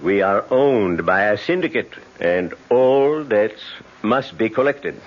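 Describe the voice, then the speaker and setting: In old-time radio drama acting, a man plays a suave, fatherly French casino manager who is wary and apologetic, with a grave, cautioning mood. His voice is fairly low, animated, and slow, smooth-mannered but hesitant. The old radio recording sounds muffled.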